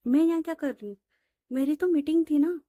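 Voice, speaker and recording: A woman voicing a stubborn, quick-tempered young female boss who scolds and protests. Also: sits high, mellow, no echo, clean studio sound, pitched above the performer's own voice, close to an everyday voice. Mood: indignant. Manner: scolding, indignant.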